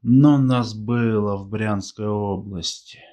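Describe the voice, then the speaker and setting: A man voicing a small, fair-haired drunk man who sobs and insists on his story in a raised, slow voice. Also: on the low side, steady tone, mellow, pitched above the performer's own voice. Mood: tearful. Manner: tearful, insistent.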